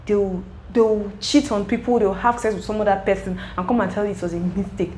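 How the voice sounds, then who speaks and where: A woman's voice: medium pitch, steady tone, a little fast, a little mellow, a little hiss or hum, poor audio. A young woman casually recapping a web series episode, talking straight to the characters. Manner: chatty, emotional asides to the characters.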